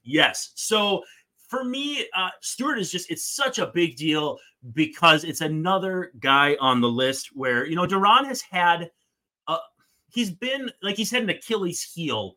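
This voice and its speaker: Bright-voiced man analysing sports. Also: sits high, animated, unhurried. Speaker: baseball analyst and podcast co-host.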